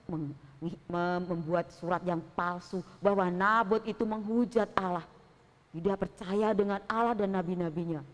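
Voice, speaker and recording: A woman teaching Sunday school, telling a story to children in an animated way, with sound effects and asides to the kids, with a lot of reverb from a church hall. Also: medium pitch.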